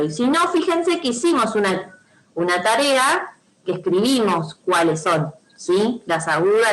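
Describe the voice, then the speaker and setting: A primary school teacher with a Rioplatense Spanish accent gives an online class, patiently walking her pupils through instructions step by step on a video call and often checking that they're following. Her voice is fairly high and a bit bright, on a low-quality recording.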